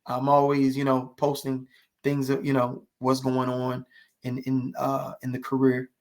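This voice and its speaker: A podcast guest who works as an actor speaks in a medium-pitched, darkish monotone, a little slowly. He tells his stories conversationally, leaning on emphatic rhetorical questions and checking in with the listener.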